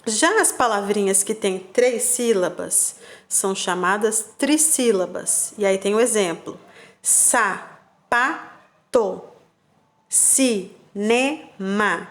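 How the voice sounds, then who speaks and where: A woman teacher, giving patient, slow remote-class instructions to young children and spelling out syllables. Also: mid-range voice, expressive. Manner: checks in with "tá bom?" and "combinado?". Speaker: primary school teacher.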